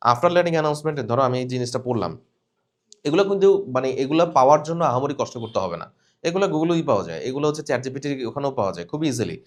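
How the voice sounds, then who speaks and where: Guy running a cabin crew coaching class, mid pitch, explains and corrects students straight up. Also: lively intonation, rapid-fire. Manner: instructive, corrects students directly, demonstrates readings.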